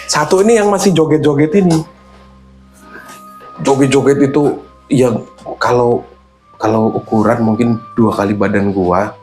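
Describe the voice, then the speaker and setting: A man's voice: mid-range voice, measured pace, long pauses, soft background music. A man, animatedly telling a true horror story in casual slang. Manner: animated, slangy, acts out voices. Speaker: guest storyteller.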